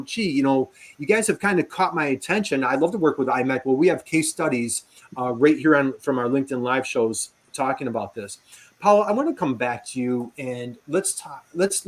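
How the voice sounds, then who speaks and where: A man hosting a live video interview show, chatty and enthusiastic, rambling with fillers and building long questions around hypothetical scenarios. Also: medium pitch.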